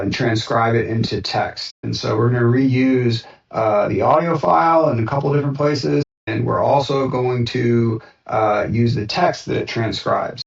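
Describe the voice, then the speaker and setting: A man's voice: medium pitch, creaky. A man casually walking through a screen-share demo of his app, thinking aloud with frequent "uh"s and restarts. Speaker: software developer demoing his app. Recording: roomy, distant and dull sound.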